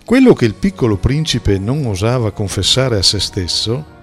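A man narrating a storybook in a measured, storytelling manner. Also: mid-range voice, big pitch swings, faint music behind. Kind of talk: scripted audiobook narration.

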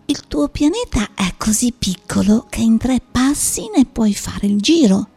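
A woman's voice: fairly high pitch, animated, unhurried, warm tone, breathy edge, faint music behind, heavily acted. A woman voicing a curious, earnest young boy prince in an audiobook drama, full of wondering questions.

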